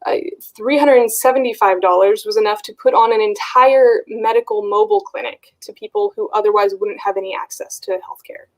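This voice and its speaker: A woman's voice: medium pitch, brisk, hardly any pauses, poor audio. A woman hosting a virtual fundraiser, encouraging viewers to give and starting many phrases with "uh". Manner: encouraging, with frequent "uh" fillers. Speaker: fundraiser host.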